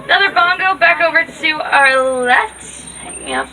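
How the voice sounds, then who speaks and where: A woman's voice: very high-pitched, huge pitch swings, moderate pace, pushed and bright, a faint crowd. A woman giving live, upbeat tour commentary as a safari guide. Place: outdoors on a moving safari ride vehicle. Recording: distant mic, noisy open vehicle with passengers.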